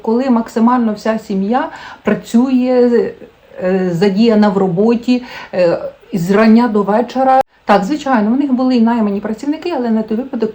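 A woman talks through her reading in a casual book vlog, with a warm, mellow tone. She chats as she thinks, pausing on small fillers. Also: medium pitch, poor audio. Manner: chatty, thinking aloud with fillers. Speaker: book blogger.

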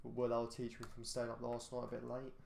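A man's voice: medium pitch, completely flat delivery, fairly quick, vocal fry, darkish tone. A tired man giving rambling, hesitant commentary while playing a driving game, often restarting his sentences. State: tired, yawning. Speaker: gaming YouTuber. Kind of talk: casual gameplay commentary. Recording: echoey room with faint background noise.

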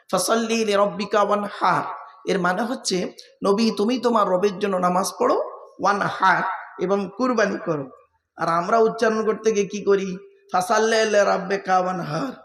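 High-voiced preacher quizzing his crowd. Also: a bit bright. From West Bengal, India. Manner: asks the audience questions and drills answers. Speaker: Islamic preacher. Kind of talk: waz sermon to a gathering. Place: large religious gathering. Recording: echoey public-address sound at a gathering.

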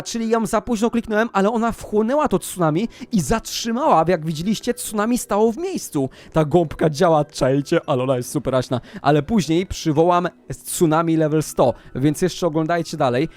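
A young man with a high voice gives excited running commentary on a video game, narrating every move and shouting whenever he wins or loses.

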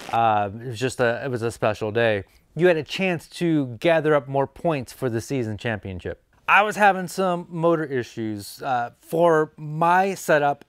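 A man, hosting a woodworking channel and talking casually to camera, with lots of ums and uhs as he stands and gestures. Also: fairly high pitch. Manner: chatty, many fillers, standing and gesturing. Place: indoor studio with colored backdrop.

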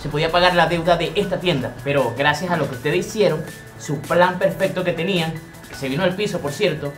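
A sarcastic young male shop clerk, played by a man, scolding his coworkers in a scripted web drama. The voice sits mid-pitch, and the store sounds roomy and echoey, with music underneath. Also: brisk, a bit bright, lightly acted. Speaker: store employee Luis. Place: indoor clothing store.

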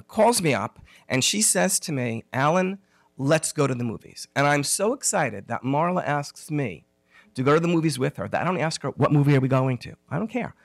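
A man lecturing at a conference, spinning an animated story and playing out both sides of the conversation. His medium-pitched voice has a gravelly edge. The sound is dry and close, with almost no room echo. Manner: animated storyteller, acts out dialogue, self-deprecating humor. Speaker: conference speaker on OCD therapy.

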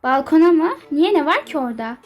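A woman's voice: high voice, animated, brisk, loud music behind the voice. A woman voicing Sanfi, a sleepy and grumpy young woman friend in a game role-play, who grumbles and complains in a drowsy, baffled way.

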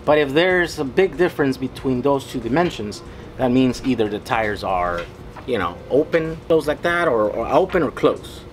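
A man's voice: mid-range voice, animated, moderate pace, slight background noise. A man in his thirties, a vlogger, casually explaining a hands-on repair job in his home garage and thinking aloud as he works. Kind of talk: casual DIY vlog.

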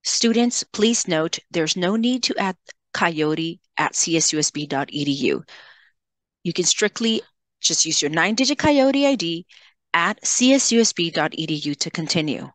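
Addressing her learners directly, a woman teaches software through a screen-share tutorial, explaining things in a measured manner. Her voice is lowish with lively intonation, and the recording carries no room sound.

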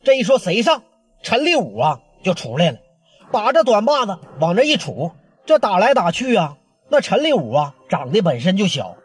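Male storyteller, Northeastern Chinese accent, chatty and animated, husky edge. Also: sits high, normal speed. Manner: lively, chatty, dialect-heavy. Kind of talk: oral storytelling of gangland tales.

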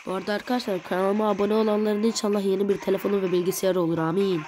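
A woman giving casual, excitable commentary while playing a mobile game for her channel, chatting to viewers and reacting loudly to the match. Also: medium pitch, rapid-fire, a little hiss or hum. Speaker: gaming channel host. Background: game music.

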